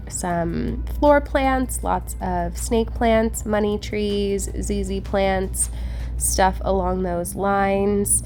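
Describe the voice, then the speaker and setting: A woman's voice: medium pitch, darkish tone. A woman hosting a casual plant-shopping vlog, talking in a chatty, informal, slangy way. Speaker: vlog host. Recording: background music, fan or vehicle hum.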